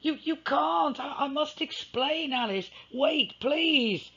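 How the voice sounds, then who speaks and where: A man's voice: very high voice, slow pace, vocal fry, sharp tone, dull audio, pitched above the performer's own voice, exaggerated voice. A man voicing a guilt-stricken, sobbing man who stammers as he pleads. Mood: pleading.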